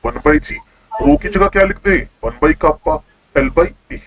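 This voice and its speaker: High-voiced man teaching, quizzing. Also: animated, gravelly, fairly bright tone, poor audio. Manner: quizzing students with quick questions. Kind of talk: online chemistry lesson.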